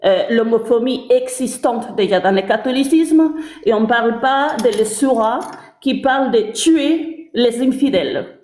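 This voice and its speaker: A woman with a Spanish accent speaks a little higher than most, taking her turn in a live debate. She stumbles over the start of each sentence. Her voice sounds roomy and echoey. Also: animated, unhurried, hardly any pauses, darkish tone. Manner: repeats words when starting a sentence. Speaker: debate participant.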